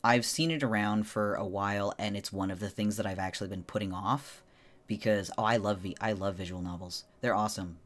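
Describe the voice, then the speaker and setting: A man with a fairly low voice, chatting as a streamer on a casual livestream. His delivery is informal and rambling, with loose, conversational phrasing. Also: fairly even intonation, brisk, fairly bright tone. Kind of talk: casual solo livestream chat.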